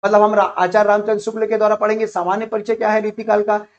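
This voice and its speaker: A man with a high-pitched voice gives an online exam-prep lecture. He walks through the syllabus in an explanatory way, repeating himself as he lists each topic. The recording sounds dull and lo-fi. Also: level tone, fast. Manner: repetitive, explanatory, enumerating topics. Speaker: teacher.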